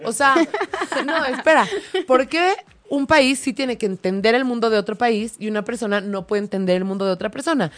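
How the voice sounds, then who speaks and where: A woman's voice: fairly high pitch, moderate pace, no room sound. A woman co-hosting a casual chat, joking and reading audience messages. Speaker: co-host.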